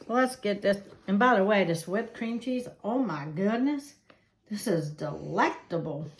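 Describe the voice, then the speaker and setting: Folksy and chatty, a woman guides viewers step by step through a home cooking demonstration in an indoor kitchen. Her medium-pitched voice is animated and measured. The room is echoey, with a little background noise.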